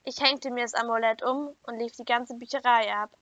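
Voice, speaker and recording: Bright-voiced woman reading a children's story. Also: fairly high pitch, steady tone, moderate pace, dry recording. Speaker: story reader. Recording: dull lo-fi dry recording.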